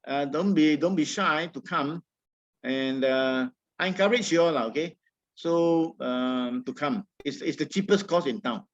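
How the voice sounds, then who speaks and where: Singaporean guy doing a casual webinar pitch, voice a bit high, chatty singlish, kinda coaxing people along. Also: measured pace, lo-fi sound. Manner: colloquial Singlish with tags like "all right" and "lah". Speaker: forex trading coach. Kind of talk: informal webinar presentation with audience questions.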